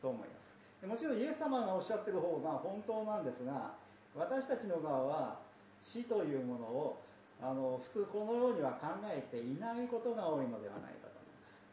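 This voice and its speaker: A man's voice: sits high, sing-song, a little fast, warm tone, slight background noise. A man preaching a sermon as a pastor, chatty and storytelling, with asides. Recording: roomy sound from a distance.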